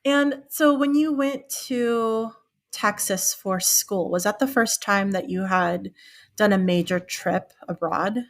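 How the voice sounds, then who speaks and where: A woman's voice: medium pitch, takes it slowly. A woman hosting an interview podcast, asking questions with enthusiasm. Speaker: podcast host.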